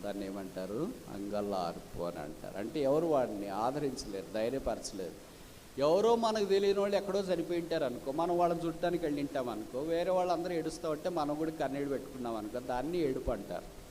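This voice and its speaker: Man preaching a sermon in a hall. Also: slight background noise. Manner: swings between loud rhetorical questions and low soft stretches; mixes English phrases into his preaching.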